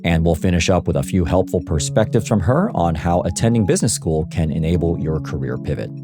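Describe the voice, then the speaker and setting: Deep-voiced male podcast host. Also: expressive, fairly quick, over music. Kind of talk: interview podcast.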